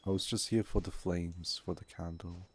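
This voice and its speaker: A man's voice: low-pitched, steady tone, moderate pace, darkish tone, slight background noise. A man whose first language is Turkish, chatting casually with viewers while streaming a game and musing aloud.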